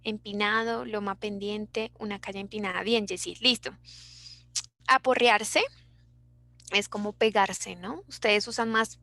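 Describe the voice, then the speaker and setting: A woman's voice: medium pitch, fairly even intonation, unhurried, gravelly, sharp tone, no room sound. A young Colombian woman with a Bogotá accent, teaching an online class in a chatty way and reading out her students' answers. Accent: Bogotá Colombian Spanish.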